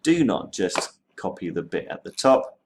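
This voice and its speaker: A history teacher talks students through a screen-share tutorial with a lowish male voice. He keeps it relaxed and conversational, dropping in plenty of ums and okays as he goes. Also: measured pace, a little hiss or hum.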